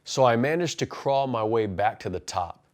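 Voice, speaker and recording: Man, 40s, coach and pastor type, earnest storytelling that turns to direct motivational punch, mid-pitched voice. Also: animated, normal speed. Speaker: men's life coach and pastor. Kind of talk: personal testimony and motivational talk.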